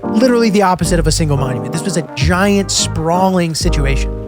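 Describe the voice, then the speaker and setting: A man's voice: a little high, animated, brisk, over music. Wry man narrating a road trip. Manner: wry, self-deprecating humor. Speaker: host and narrator of a travel series. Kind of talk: scripted travel narration.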